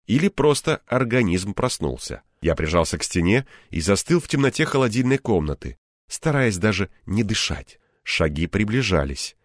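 Мужчина читает аудиокнигу от первого лица, выразительно проживая напряжённые моменты. Голос пониже среднего, с живой, подвижной интонацией, а запись сухая, без отзвука комнаты. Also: male voice, fairly low pitch, normal speed, dry recording, clean studio sound. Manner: expressive, acts out tension. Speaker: audiobook narrator. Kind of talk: first-person audiobook narration.

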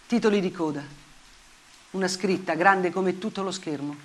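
An actress performs a theatrical monologue as a grave, bitterly ironic woman journalist, delivering short, weighted phrases deliberately. Her voice is lowish and lightly acted, with music playing in the background.

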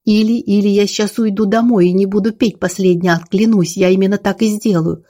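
A woman's voice: mid-range voice, steady tone, brisk, warm tone, lightly acted. A woman playing an indignant young Russian soprano. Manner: exhausted, indignant outbursts. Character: young Russian opera singer, tired and indignant.

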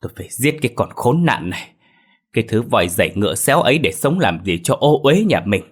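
A man voicing a furious, proud old village patriarch who curses and shouts at his daughter. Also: medium pitch, big pitch swings, a little fast, slightly rough. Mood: raging. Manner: shouting, cursing, raging.

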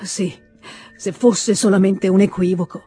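Cold formal official guy, firm and stiff, woman reading him, husky tone. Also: mid-range voice, fairly even intonation, measured pace, warm tone, soft background music. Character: cold formal middle-aged official husband.

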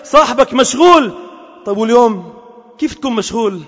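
A man delivers a fervent Friday sermon, pressing his points and climbing to shouted calls. His voice is pitched very high. The sound rolls around a big, reverberant mosque hall. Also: expressive, fast. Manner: impassioned, rising to shouted exhortation. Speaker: Friday preacher.

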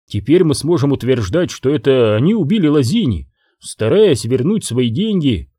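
A man's voice: medium pitch, very animated, normal speed, dark tone, breathy edge, dry recording. A male audiobook reader voicing a defensive hitman who grumbles and mumbles excuses to his boss.

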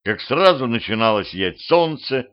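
A man reading a humorous spooky audiobook in a steady, even storytelling manner, recorded at home with dull lo-fi sound. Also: mid-range voice, a little slow. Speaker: audiobook narrator. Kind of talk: scripted narration.

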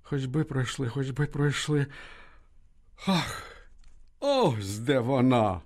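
A man's voice: lively intonation, slow. A man doing a desperate young boy. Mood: worried muttering. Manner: pleading, shouting high.

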